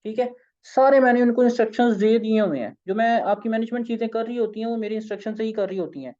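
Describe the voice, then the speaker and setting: A hoarse, tired man with a Pakistani accent, leading an online sales training session in an informal, coaxing way. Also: high voice, fairly even intonation, fast, warm tone, lo-fi sound. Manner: informal, coaxing, keeps saying "okay". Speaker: sales trainer and company founder.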